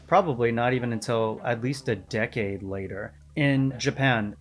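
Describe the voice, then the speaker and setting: A man hosting a gaming video, narrating a casual video essay and explaining things step by step with conversational asides. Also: mid-range voice.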